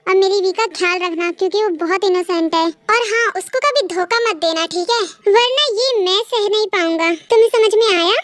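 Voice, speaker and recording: Woman doing a lovesick, protective young man for a fan audio story, earnest and pleading, very high and dry. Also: fairly quick, few pauses, fairly bright tone, no echo. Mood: earnest warning.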